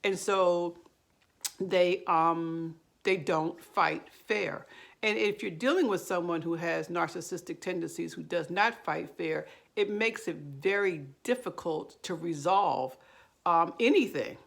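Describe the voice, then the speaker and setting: Lady counselor giving advice to camera, kinda low voice with lots of fry, earnest, restarts a lot. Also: slow pace. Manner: earnest and explanatory, with fillers and restarts. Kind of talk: direct-to-camera advice talk.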